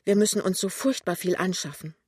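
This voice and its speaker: A woman reader voicing a young, earnest shop assistant, talking in quick, pleading bursts in an audiobook. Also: on the low side, fairly even intonation, a little mellow, breathy edge, no echo, clean studio sound, pitched above the performer's own voice. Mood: earnest, lively. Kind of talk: audiobook reading.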